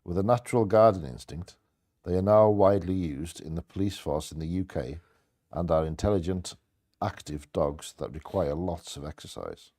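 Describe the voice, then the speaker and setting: Low, mellow man co-hosting bingo. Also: normal speed. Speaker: co-host of a bingo game. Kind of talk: reading short fact blurbs with casual asides.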